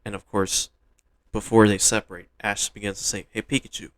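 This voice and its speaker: A man's voice: fairly low pitch, little pitch movement, moderate pace, no echo. A man casually narrating a fan-made story, retelling events in a loose, chatty way. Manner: casual, retelling with filler phrases.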